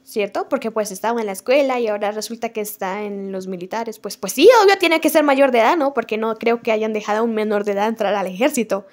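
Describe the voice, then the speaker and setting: A young woman casually and playfully recapping a game's story, chatty and expressive. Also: fairly high pitch, fast talker, hardly any pauses. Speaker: gaming video creator. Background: faint background music.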